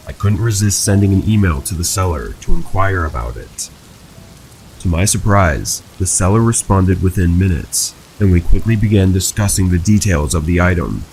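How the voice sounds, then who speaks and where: A man narrating first-person horror stories in a calm, even, scripted storytelling manner. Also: low voice, slight background noise, poor audio. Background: rain sounds.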